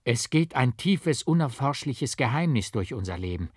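A man's voice: mid-range voice, big pitch swings, normal speed, darkish tone, slightly rough, no room sound, clean studio sound. A man voicing a pious, anxious young woman who pleads with her beloved in a storybook reading. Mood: pleading.

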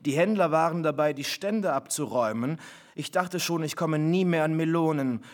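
A man's voice: a little high, moderate pace, natural voice. Man reading as a jaunty defiant father. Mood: amused. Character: cheerful defiant father, middle-aged man.

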